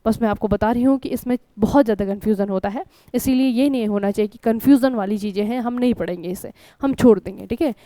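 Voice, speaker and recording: Indian woman teacher, chatty exam-prep lesson, kinda high mellow voice, dry close mic. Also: fast, hardly any pauses, no room sound. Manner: conversational, keeps asking "ठीक है?" and addressing students as children. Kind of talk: online current-affairs lesson.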